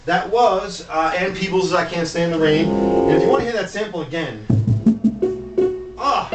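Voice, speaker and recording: A high-pitched male DJ gives casual commentary over records while presenting hip-hop samples, chatty and loose with fillers and asides. He has lively intonation and a normal pace. The mic sits far off in an echoey room, with music playing behind him.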